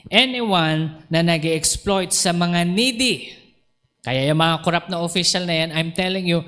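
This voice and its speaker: A man's voice: on the high side, a bit bright. A man preaching a sermon in a church, retelling conversations and acting out both sides. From Philippines. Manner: preaching, acts out dialogue in retold conversations. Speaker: pastor. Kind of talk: Taglish sermon with storytelling. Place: church sanctuary. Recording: church hall with long reverb.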